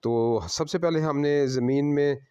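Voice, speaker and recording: A man working as a solar installer, giving a plain, unhurried on-site explanation of his work to viewers at a house. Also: on the high side, dark tone, clear, resonant tone, no room sound, lo-fi sound.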